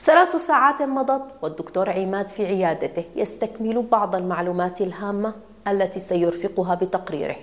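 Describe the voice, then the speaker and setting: A woman's voice: mid-range voice, quick pace. Woman reading a dramatic story. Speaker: narrator. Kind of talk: scripted story narration.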